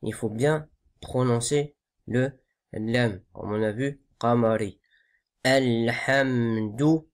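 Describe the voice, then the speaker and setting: Man, recitation teacher, unhurried delivery, patient, drills sounds over and over. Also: medium pitch, darkish tone. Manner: slow, patient, repeats sounds to correct them. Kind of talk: tajwid lesson.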